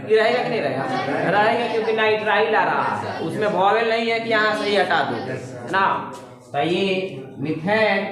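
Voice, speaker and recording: A woman tutoring chemistry in a classroom lecture. She spells terms out letter by letter and keeps quizzing her students with quick check questions. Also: medium pitch, expressive, crowd noise. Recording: very echoey classroom with students audible.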